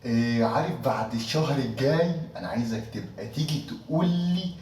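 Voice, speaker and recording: A man's voice: medium pitch, fast, darkish tone. A man with an Egyptian accent playing an office manager in a comic sketch, speaking with mock-affectionate, sugary sarcasm. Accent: Egyptian Arabic. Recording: echoey room, distant mic, faint noise.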